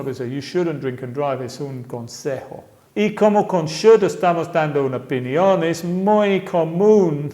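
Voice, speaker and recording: Male language teacher, slightly high voice, slow and careful, repeats examples, echoey room. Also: a little mellow. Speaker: English teacher. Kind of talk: language lesson explaining grammar.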